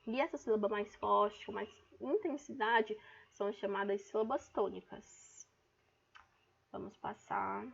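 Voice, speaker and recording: A woman's voice: mid-range voice, a little slow, creaky, breathy edge. A woman teacher with a Brazilian Portuguese accent gives an online class, explaining patiently and calling out words to stress their syllables. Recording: dull lo-fi recording.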